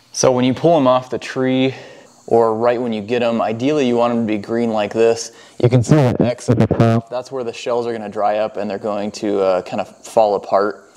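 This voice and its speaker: Here an American foraging vlogger in his thirties chats and explains casually, wearing a wireless clip-on lapel mic. He has a mid-range voice with a slightly mellow quality.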